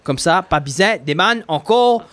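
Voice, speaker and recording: A man hosting a TV talk show, upbeat and quick, laughing often with his guest. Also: high-pitched, expressive, a bit bright. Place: TV studio.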